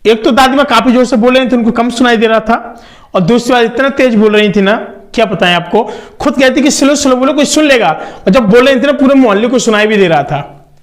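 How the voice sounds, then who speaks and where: A man's voice: very high voice, fairly quick. A young man from Kanpur telling a story in a chatty, motivational way and speaking directly to his viewers. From Kanpur, India. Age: young adult. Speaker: vlogger. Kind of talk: casual storytelling.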